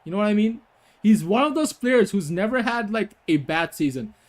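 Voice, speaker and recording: A man's voice: high voice, lively intonation, moderate pace. A young man doing casual, chatty commentary on a cricket video game, laughing often and using lots of fillers.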